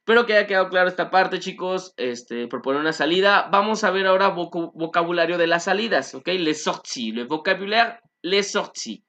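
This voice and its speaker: A man teaching a French lesson, repeating phrases slowly and translating them, with many "este" fillers. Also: sits high, expressive, sharp tone, muffled recording. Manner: frequent "este" fillers, asks "¿no?" and "¿sí?". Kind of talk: online language lesson.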